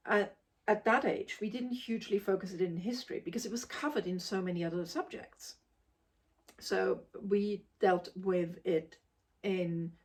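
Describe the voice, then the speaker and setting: A woman's voice: lowish voice, a little mellow. A woman. She reviews a book casually and sounds emphatic, articulate and blunt. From Austria.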